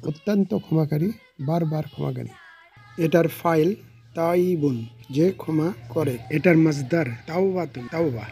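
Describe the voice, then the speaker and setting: Husky, dark-voiced male grammar teacher. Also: a little high, soft background music. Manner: measured, explains each form and then glosses its meaning; recites word forms in short phrases like a list. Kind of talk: step-by-step grammar lecture.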